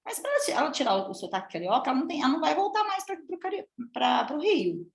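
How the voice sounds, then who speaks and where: A woman from Minas Gerais with a Minas Gerais accent, a public speaking coach giving a lively, chatty live talk and addressing the audience often. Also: high-pitched, fast talker, gravelly, roomy sound. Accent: Minas Gerais Portuguese. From Minas Gerais, Brazil. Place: room with an audience.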